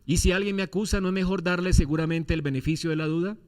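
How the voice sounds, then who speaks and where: Man, pastor, sermon, high-pitched voice, rhetorical questions, emphatic rises and drops. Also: fairly even intonation, darkish tone. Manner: preaching with rapid rhetorical questions and emphatic swings.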